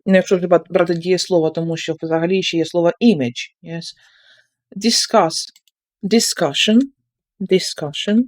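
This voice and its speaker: A woman's voice: on the low side, fairly even intonation, a little fast, darkish tone. A woman English teacher with a Ukrainian accent, leading an online textbook lesson and repeating each instruction in Ukrainian. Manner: explains each step, then repeats it in Ukrainian.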